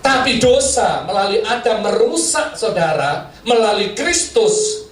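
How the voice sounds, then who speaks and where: A man's voice: high-pitched, very animated, a little slow, distant mic. A male pastor preaching a sermon, telling a funny story, laughing often and acting out the dialogue. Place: church hall. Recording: roomy hall, mic from afar, faint noise.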